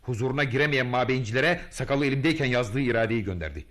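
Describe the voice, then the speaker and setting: A man's voice: medium pitch, fast, fairly bright tone, close to an everyday voice. A man acting a vain, boastful would-be freedom hero in a radio drama, telling his deeds grandly and muttering to himself. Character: boastful self-styled male freedom hero, pompous, vain.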